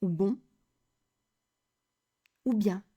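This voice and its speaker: A woman coach giving a slow, deliberate educational talk on handling conflict, with many rhetorical questions. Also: medium pitch, warm tone, husky, highs cut off.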